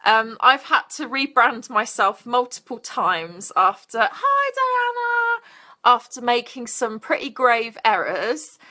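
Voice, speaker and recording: Young British woman live-streaming, high bright voice, chatty and crude, unhurried. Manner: bubbly, crude jokey asides. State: out of breath. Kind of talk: casual live stream chat greeting viewers.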